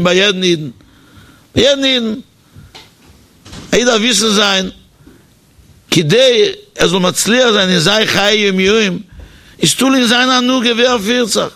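Man, high gravelly voice, animated sermon storyteller with a hesitant, repeating delivery. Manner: animated storytelling, changing pitch for the people in the story; hesitant, with repeated words and fillers.

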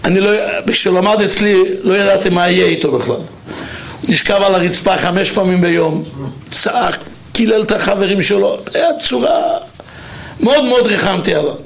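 A man's voice: high-pitched, vocal fry, slight background noise. A man who teaches teenage boys gives an emphatic religious talk on raising children. He tells a personal story, and his voice jumps up on the points he stresses.

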